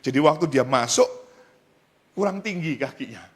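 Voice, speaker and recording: A male pastor with an Indonesian accent preaching a sermon in a church, telling stories, often calling out to the congregation, and jumping from loud high cries to low quiet asides. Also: expressive, moderate pace, husky. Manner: storytelling with repeated address to the congregation.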